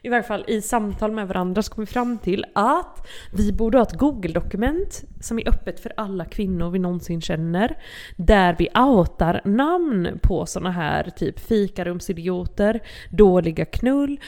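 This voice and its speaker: A woman co-hosting a casual podcast from her apartment, with a voice of ordinary pitch. She talks in a blunt, animated way, swears freely and breaks into giggles. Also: few pauses. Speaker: podcast co-host. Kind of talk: casual chat.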